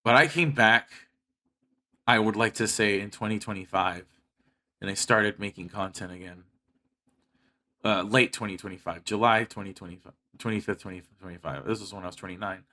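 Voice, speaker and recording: A thirty-year-old online video creator known for comic dubs and skits delivers an earnest personal monologue to his audience, swearing heavily throughout. His lowish voice is bright and forceful, at a moderate pace.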